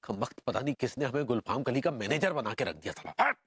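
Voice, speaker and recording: A man's voice: mid-range voice, sing-song, fast talker, fairly bright tone, husky, no room sound, clean studio sound. An actor playing a flustered middle-aged man who stammers and pleads in a TV sitcom. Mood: grumbling. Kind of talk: TV sitcom acting.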